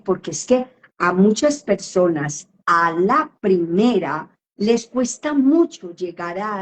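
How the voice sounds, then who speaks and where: A woman therapist answering questions in a live online session, speaking slowly and emphatically and often checking in with her listener. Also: mid-range voice, a little mellow. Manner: slow, emphatic, with frequent question tags.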